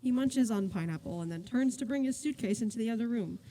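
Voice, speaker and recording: A woman's voice: on the high side, expressive, fast talker, dark tone, a little hiss or hum, low-quality recording. A woman reading stage directions aloud as narrator of a musical, in a plain, matter-of-fact way with dry little asides.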